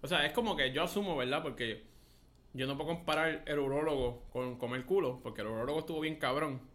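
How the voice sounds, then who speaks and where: A man's voice: a little high, fast, fairly bright tone. A man with a Puerto Rican accent telling a story in casual, profane chat, slipping English words into his Spanish.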